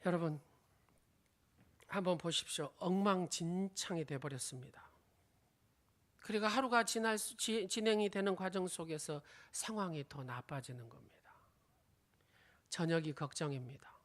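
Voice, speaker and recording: A woman preacher delivers a sermon in a church, her voice sitting low for a woman. She tells a story and keeps turning to the congregation with questions and little quizzes. Many of her sentences fade out softly, sometimes to a whisper. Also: moderate pace, pauses often. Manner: sentence endings often trail off softly, at times to a whisper. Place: church sanctuary.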